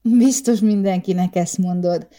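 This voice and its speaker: A woman's voice: mid-range voice, warm tone, natural voice. A woman voicing a nervous, starstruck seventeen-year-old girl who stammers shyly in an audiobook story. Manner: stammering, breathless and shy.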